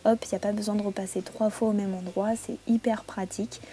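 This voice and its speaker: In her bedroom, a female beauty vlogger reviews products in a relaxed, chatty manner, hesitating frequently. Her voice is medium in pitch and her pace a little fast.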